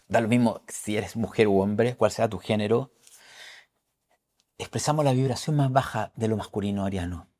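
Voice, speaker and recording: A man's voice: fairly high pitch, darkish tone. A middle-aged man giving an astrology forecast talk, emphatic and preacherly, repeating key phrases.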